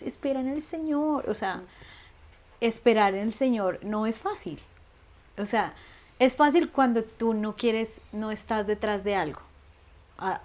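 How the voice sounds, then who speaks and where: Woman, 30s, chatty, animated, laughs often, fairly high pitch. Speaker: guest. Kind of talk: casual conversational interview.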